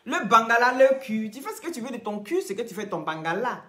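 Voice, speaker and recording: A woman's voice: a little high, very animated, quick pace, fairly bright tone, roomy sound. A woman from Cameroon with a Cameroonian French accent, talking on a live stream in a mocking, scolding way and repeating her points. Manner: mocking, scolding, repeats herself, breaks into laughs. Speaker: social media live streamer.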